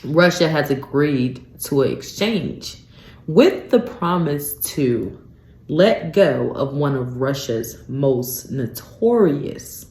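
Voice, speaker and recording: A woman's voice: low voice, animated, slow, darkish tone. A woman hosting a solo radio talk show, ranting in disbelief and tossing in "you guys" and "um" as she talks. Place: radio studio. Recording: roomy, echoey studio sound.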